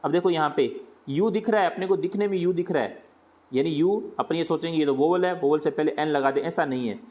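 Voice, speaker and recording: Teacher voice: man with a Hindi accent, slightly high-pitched, patient step-by-step grammar explanation. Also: brisk, a little mellow. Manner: explains step by step, asks and answers his own questions. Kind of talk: grammar lesson.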